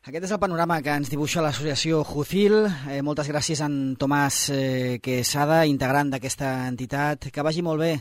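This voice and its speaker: A male radio host with a Balearic Catalan accent asks questions in a brisk, conversational way. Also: a little high, dry recording, clean studio sound. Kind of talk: radio interviewing.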